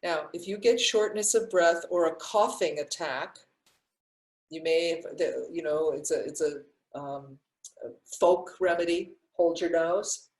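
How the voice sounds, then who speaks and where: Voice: medium pitch, a little slow, roomy sound, low-quality recording. A breathwork teacher explaining science casually with many restarts, then guiding a class through breathing exercises.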